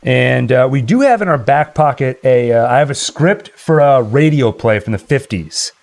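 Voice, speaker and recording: Hosting a livestream party, a man chats casually, reads out the chat, and runs trivia as quizmaster. His mid-range voice is animated and darkish, with vocal fry, at a moderate pace.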